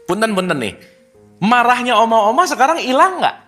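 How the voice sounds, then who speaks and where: Lively man teaching a group. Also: extremely high pitch, normal speed, faint music behind. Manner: lively, teasing, full of rhetorical questions. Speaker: spiritual teacher. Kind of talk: informal spiritual talk to a group.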